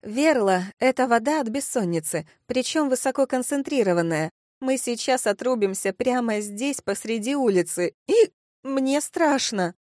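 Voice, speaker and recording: A woman's voice: expressive, normal speed, a little mellow, dry recording, studio quality, close to an everyday voice. A woman doing a timid, anxious young girl. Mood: frightened. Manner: high, anxious, pleading. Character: timid, naive young female student.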